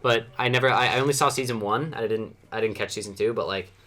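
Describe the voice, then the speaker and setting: A man joins a loose podcast conversation at an everyday mid pitch. He sounds easygoing, drops short "right"s between his co-host's lines, and gets keen about what he likes. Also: fast. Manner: relaxed, frequent "right" backchannels, enthusiastic asides. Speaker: podcast co-host. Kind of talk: casual pop-culture chat.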